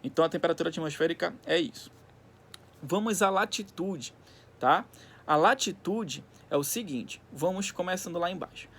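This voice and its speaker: A man's voice: a little high, lively intonation, moderate pace, a bit bright, slightly rough. A male teacher giving a recorded school lesson, dictating from a textbook in segments and explaining didactically with frequent check-in tags. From Brazil.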